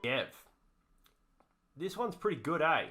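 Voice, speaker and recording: A man's voice: on the high side, sing-song, takes it slowly, bright, forceful tone, faint music behind. A man co-hosting a comedic card review, talking in a put-on broad Australian accent and joking with heavy slang. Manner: jokey, heavy Aussie slang. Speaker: co-host.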